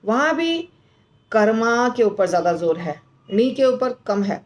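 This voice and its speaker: A woman teaching how to pronounce and recite a verse, explaining slowly and patiently and chanting the lines. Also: mid-range voice, very animated. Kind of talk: slow recitation lesson.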